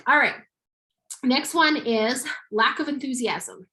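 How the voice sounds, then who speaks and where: A woman's voice: high-pitched, expressive, slow pace, pushed and bright. A woman giving a casual motivational business talk to camera, emphatic, often checking in with "okay?" and acting out sample messages. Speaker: network marketing coach.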